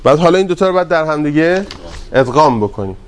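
Guy teaching a grammar class, slightly high voice, stretches words out slow, keeps quizzing the students. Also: expressive, a little hiss or hum. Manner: drawn-out repetition of word forms, quizzing students; polite and deferential to the class leader.

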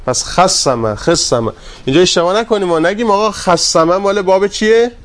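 A man teaching a grammar class, drawing out word forms slowly and asking his students questions. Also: high voice, animated. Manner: drawn-out repetition of word forms, quizzing students; polite and deferential to the class leader.

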